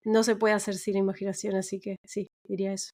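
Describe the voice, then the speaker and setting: A woman, a researcher speaking as an interview guest, chatty and lively. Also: medium pitch, fast. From Argentina. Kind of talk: casual interview.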